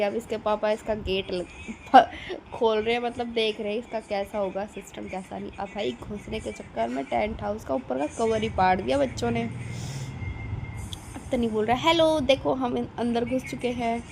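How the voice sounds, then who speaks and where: A woman's voice: a little high, fairly even intonation, normal speed, gravelly, noisy background. A mother, chatting casually through a home vlog about her kids. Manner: chatty, narrating her kids' play. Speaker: vlogger and mother. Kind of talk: casual family vlog narration.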